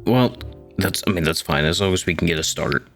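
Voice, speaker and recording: A man's voice: sits low, expressive, a little fast. A man playing a tabletop role-playing game, talking casually through what his character does. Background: soft guitar music.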